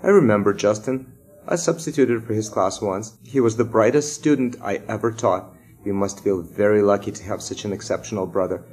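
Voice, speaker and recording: A man voicing a sweet-talking but quietly cruel woman substitute teacher in a children's story. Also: fairly low pitch, fairly quick, close to an everyday voice. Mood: sweetly sly. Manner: sweet, gushing, raised voice.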